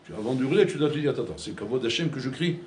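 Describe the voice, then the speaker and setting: A male rabbi teaching in a loose, conversational way, often repeating himself and mixing in Hebrew words as he acts out everyday scenes. His voice sits at a middle pitch. The recording is roomy and echoey, with a faint hum of ambience behind. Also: expressive, very fast, darkish tone. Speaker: rabbi giving a Torah class. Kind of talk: sermon.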